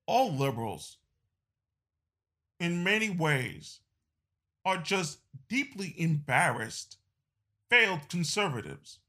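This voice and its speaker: A man delivering a political monologue at a slow, deliberate pace. His voice is bright and somewhat high-set, and he hammers points by repeating phrases and restarting sentences. The delivery is emphatic and unscripted. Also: big pitch swings. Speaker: political commentator. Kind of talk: opinion monologue.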